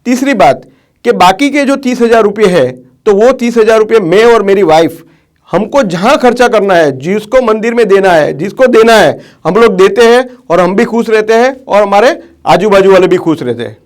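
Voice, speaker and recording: Chatting with viewers, a man who works as a financial life planner relates a story in Hindi sprinkled with English phrases. He speaks at a normal speed, his voice sitting high with lively intonation.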